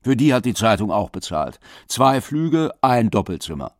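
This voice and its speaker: A man voicing a pushy, prying older investigator who talks fast and insistently. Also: on the low side, very animated, no echo, studio quality.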